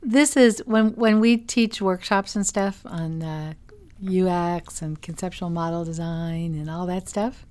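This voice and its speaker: A woman's voice: fairly low pitch, measured pace, darkish tone, smooth. A woman co-hosting a podcast, chatting casually and teasing her partner as she explains design ideas. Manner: chatty, laughs easily, teasing. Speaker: podcast co-host. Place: home in Wisconsin.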